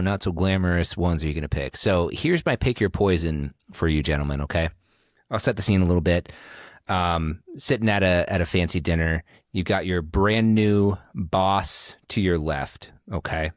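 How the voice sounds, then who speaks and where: A deep-voiced man sets up a scenario for his co-hosts on a wine podcast. He talks in an animated, storytelling way and drops in quick affirmations. The sound is dry and close, with no room around it. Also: dry recording. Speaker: podcast co-host. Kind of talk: casual chat.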